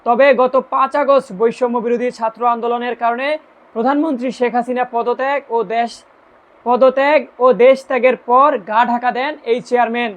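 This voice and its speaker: A woman with a Bangladeshi accent presenting scripted news and commentary, addressing viewers directly in an emphatic way. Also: on the high side.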